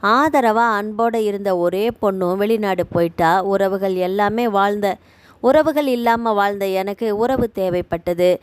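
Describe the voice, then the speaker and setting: A woman voicing a kindly retired man who runs a care home; he talks gently and reassuringly. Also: medium pitch, measured pace, smooth, no room sound, natural voice.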